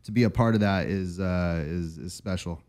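Man, radio host, low-ish voice, easygoing, enthusiastic, respectful. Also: moderate pace, a little mellow, clear, resonant tone. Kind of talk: casual radio interview.

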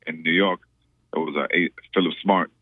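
A man from Trinidad with a very deep voice talks quickly and easily, looping back on his words with lots of fillers. He comes through a dry, tinny phone line. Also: steady tone, no echo. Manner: laid-back, repeats words, many "you know" fillers. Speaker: reggae musician guest. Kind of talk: casual radio interview.

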